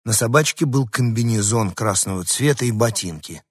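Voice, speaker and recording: A man narrating a children's story in the first person with expressive storytelling. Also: lowish voice, moderate pace, slightly rough, no echo, studio quality. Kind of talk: scripted narration.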